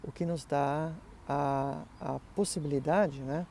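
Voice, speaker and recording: This is a middle-aged man, Portuguese by first language, who teaches German and explains his online courses in a loose, chatty way thick with fillers and tag questions. His mellow voice is on the high side, slow, fairly even in intonation, with some vocal fry, and there's slight background noise.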